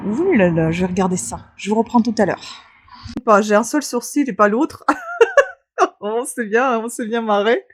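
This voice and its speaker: A woman's voice: medium pitch, moderate pace. A tired woman vlogger chatting casually, rambling with many fillers and restarts. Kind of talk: casual vlog chat.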